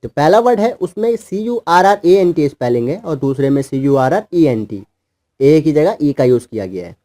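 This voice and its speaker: A man's voice: fairly high pitch, expressive, moderate pace, dark tone. A man teaching children English words, patiently spelling them out letter by letter in Hindi. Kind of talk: explaining word meanings to children.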